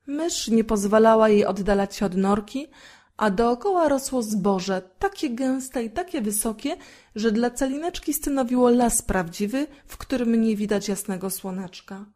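A woman reading a fairy tale aloud as a storyteller, gentle and expressive. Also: fairly high pitch.

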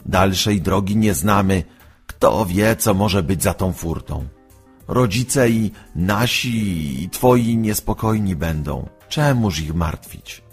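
A man voicing a serious young boy who speaks in a hushed, trembling voice. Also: low-pitched, expressive, slow, slightly rough, soft background music, exaggerated voice.

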